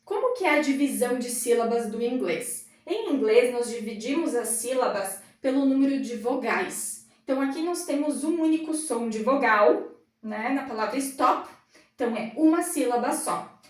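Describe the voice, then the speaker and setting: A woman's voice: a little high, lively intonation, normal speed. A woman teaching English grammar in a classroom, explaining patiently at a whiteboard. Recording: roomy echo, mic far off.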